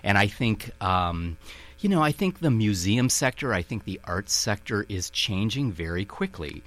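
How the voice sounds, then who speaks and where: Very animated yet fairly low in pitch, this Minnesota-accented museum director speaks at a moderate pace with a fairly bright tone. The middle-aged man is being interviewed on radio and answers thoughtfully, full of hedges and filler words.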